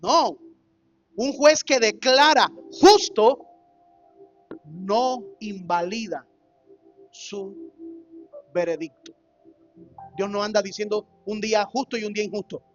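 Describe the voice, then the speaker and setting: A man's voice: high voice, slow, pauses often. A man, a pastor preaching an expository sermon, emphatic and full of rhetorical questions to his congregation. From Colombia. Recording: dull lo-fi recording with faint music.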